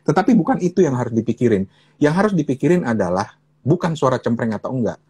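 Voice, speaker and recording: A man's voice: medium pitch, very animated, fast talker, mellow, breathy edge. A man in his forties, a radio broadcaster speaking in Jakarta colloquial Indonesian, chatting casually on a live stream and explaining with playful examples. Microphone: phone on a live stream.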